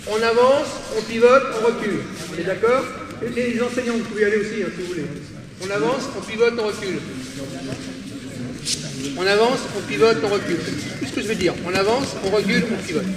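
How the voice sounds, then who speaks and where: A man teaching an aikido class in a gymnasium, calling out drill commands, often shouting. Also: sits high, brisk, long pauses. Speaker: aikido instructor. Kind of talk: teaching a group class on the mat. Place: large gymnasium. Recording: echoey gym from far off, with noise.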